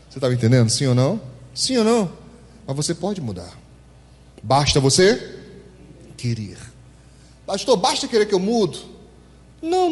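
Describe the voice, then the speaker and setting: A pastor, preaching a sermon in church and calling on the congregation to answer him. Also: male voice, medium pitch. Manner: animated, asks the congregation to respond. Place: church hall. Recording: echoey church hall.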